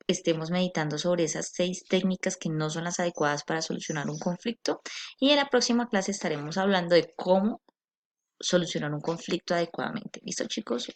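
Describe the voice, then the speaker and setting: Brief: low-voiced woman teacher, patient recorded lecture, constant tag-question check-ins. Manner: patient, explanatory. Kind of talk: recorded online class lecture.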